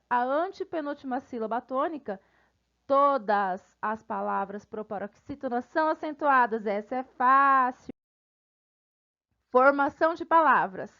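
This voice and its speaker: A woman teacher with a Brazilian Portuguese accent giving a recorded grammar lesson, friendly with her students and spelling out syllables slowly. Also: high-pitched, a bit bright, muffled recording. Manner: friendly, addresses students casually.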